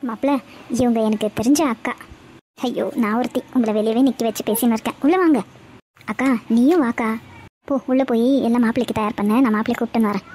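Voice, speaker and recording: A woman's voice: fairly high pitch, fairly even intonation, fast talker, slight background noise, lightly acted. A woman voicing a hospitable middle-aged mother in a cartoon, who fusses over her guests. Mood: fussing. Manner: warmly fussing, hospitable.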